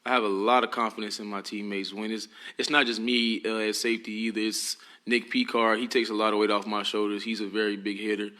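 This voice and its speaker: A teenage high school football player answering interview questions politely and earnestly. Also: male voice, little pitch movement, fairly quick, hardly any pauses, pushed and bright. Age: teens.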